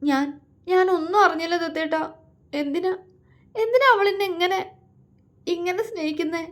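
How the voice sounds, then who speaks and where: A woman voicing an emotional young wife in a love story, speaking earnestly in a high voice. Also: normal speed, close to an everyday voice. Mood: tearful. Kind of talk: storytelling dialogue.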